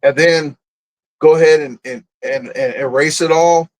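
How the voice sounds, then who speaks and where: Man, interview guest, blunt, boastful, slightly high voice. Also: fairly even intonation, a little slow, poor audio. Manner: blunt, boastful, laughs at himself. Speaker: guest, food and camping content creator. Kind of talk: casual interview talk.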